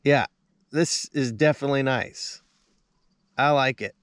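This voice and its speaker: This thirtysomething camping vlogger talks casually to the camera while sitting in a small outdoor tent, relaxed and easygoing. He speaks a little slowly at medium pitch with a slightly bright tone, and the recording is dry.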